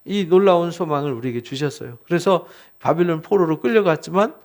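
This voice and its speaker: A man with a somewhat high-pitched voice leads a Bible study sermon as its pastor. He speaks in an animated way, throwing questions at his listeners and answering them himself. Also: brisk.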